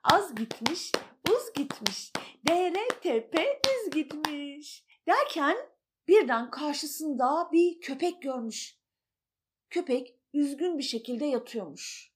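Woman storyteller, high voice, slow sing-songy kids' fairy tale. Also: very animated. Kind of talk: children's storytelling.

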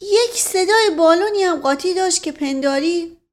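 A woman's voice: extremely high pitch, voice pushed up. A woman voicing a folksy old male servant who drags out his words as he rambles, reading a storybook aloud. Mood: rambling. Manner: drawn-out folksy speech.

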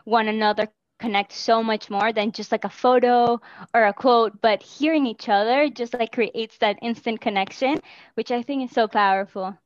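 A woman's voice: fairly high pitch, steady tone, moderate pace, dry recording, lo-fi sound. A Spanish-native woman from Peru, a guest in an interview, speaking earnestly and reflectively over a video call with many "like" fillers. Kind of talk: casual interview talk.

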